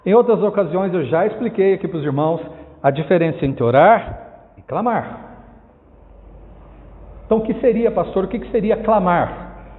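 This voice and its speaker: A man's voice: sits high, lively intonation, moderate pace, pauses often. A man preaching an expository sermon as pastor, emphatic, asking rhetorical questions and repeating key phrases. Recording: tinny phone-like sound with long hall reverb.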